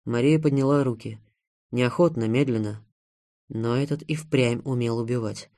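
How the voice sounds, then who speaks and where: A man narrates an audiobook chapter with a measured, dramatic delivery. His voice sits at a middle pitch. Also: warm tone. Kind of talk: scripted narration.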